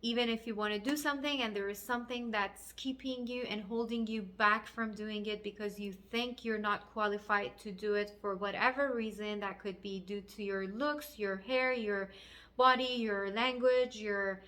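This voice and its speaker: Here a native Farsi speaker with a Persian accent, a life coach who hosts videos, delivers a motivational talk straight to camera. Her medium-pitched voice stays steady and sharp at a moderate pace, and her address is earnest, emphatic and encouraging.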